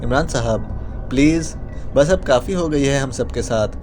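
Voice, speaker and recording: A man's voice: medium pitch, over music, natural voice. A man voicing a young male secret agent who coaxes and pleads. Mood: pleading.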